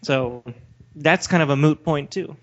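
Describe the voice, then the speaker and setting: A man co-hosts a casual podcast, arguing his points in a challenging debate style. His voice sits fairly high and he takes his time. The audio is lo-fi and slightly dull.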